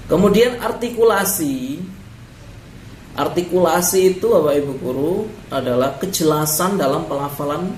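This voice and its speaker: A man with a slightly high voice gives a lecture to teachers. He keeps checking in with his listeners, dropping a "ya" between points. The sound is roomy and set back from the mic, with faint ambience behind it. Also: recorded from a distance, slight background noise. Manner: talks straight to listeners with frequent "ya" check-ins. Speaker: teacher trainer.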